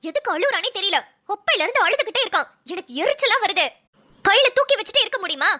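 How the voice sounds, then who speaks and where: Cartoon role: stressed young mom, voiced by a woman, very high, bright and exasperated. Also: expressive, quick pace, full character voice. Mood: irritated. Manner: exasperated, scolding complaints. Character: young mother, harried and quick to irritation. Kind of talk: cartoon voice acting.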